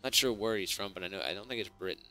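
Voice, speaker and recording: A man's voice: fairly low pitch, racing, bright, forceful tone, soft background music. A young man giving casual, laid-back and teasing color commentary on a live esports stream. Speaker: esports co-caster.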